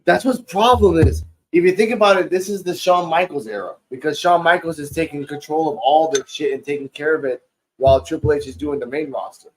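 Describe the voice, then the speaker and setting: A man's voice: a little high, brisk, a little hiss or hum, low-quality recording. A man in his forties casually recapping a wrestling show, loose and profane, rambling through the matches. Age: 40s. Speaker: podcast co-host. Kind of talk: casual wrestling review chat.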